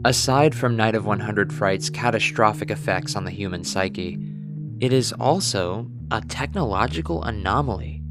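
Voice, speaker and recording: Low-voiced man narrating with mock gravity. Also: normal speed. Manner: mock-grave, deadpan dramatic hyperbole. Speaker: video game reviewer. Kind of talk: scripted video essay narration. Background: music.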